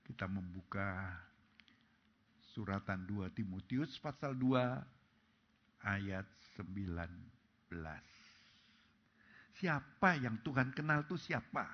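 A man preaching a sermon, swinging between loud calls and soft, low phrases. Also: expressive, takes it slowly, long pauses. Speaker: pastor. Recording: dull lo-fi recording.

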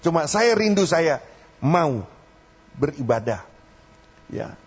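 A man's voice: fairly high pitch, very animated, takes it slowly, slightly rough. An older man with a Javanese accent, preaching a folksy sermon as pastor that rises into fervent exhortation. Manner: folksy, mixing in local dialect, rising to preaching fervor. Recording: dull lo-fi recording, faint hum.

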